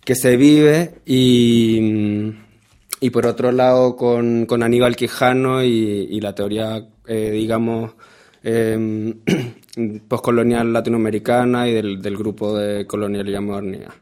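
A man answers in an interview. His voice stays flat and level, with an ordinary pitch, and he pauses to search for the right word. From Chile. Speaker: guest artist.

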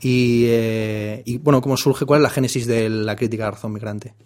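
A man leads an interview in long, winding sentences. His voice sits at an ordinary pitch and he restarts phrases often while he thinks. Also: fairly even intonation, moderate pace, darkish tone. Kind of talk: thoughtful conversational interview.

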